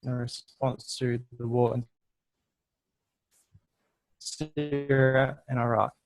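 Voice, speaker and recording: A man's voice: mid-range voice, slow pace, faint music behind, poor audio. Young man on a cutting-out call line. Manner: flat, even reading. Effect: audio cutting out on an online call. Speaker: student presenter. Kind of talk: reading a prepared presentation. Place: online video call.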